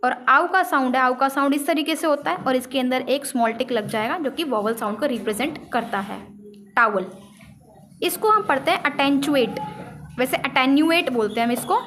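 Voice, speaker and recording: A woman teaching a shorthand lesson, explaining signs on a board and slowly repeating each example word. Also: sits high, a bit bright, slight background noise. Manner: repeats example words slowly, drawing out syllables.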